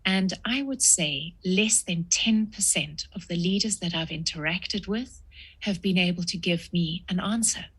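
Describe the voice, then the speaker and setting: A woman in her sixties from South Africa talks through a podcast interview at a measured pace, often pausing with "uh". Her voice is husky and sits a little low. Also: fairly bright tone. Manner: measured, frequent "uh" pauses. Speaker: guest author.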